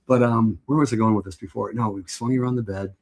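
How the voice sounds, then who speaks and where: A middle-aged man with a husky voice, rambling with restarts as he reminisces in a casual chat. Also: on the low side, fairly even intonation, fast talker. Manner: rambling, with frequent restarts and laughs.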